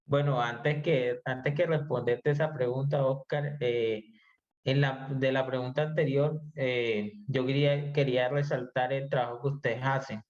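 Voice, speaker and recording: A man with a mid-range voice answers interview questions, explaining his views calmly and pausing often to find his words. His delivery is measured and sincere. The audio sounds slightly dull and muffled. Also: medium pitch. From Colombia. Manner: measured, explanatory, with frequent hesitations. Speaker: interview guest. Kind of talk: conversational podcast interview.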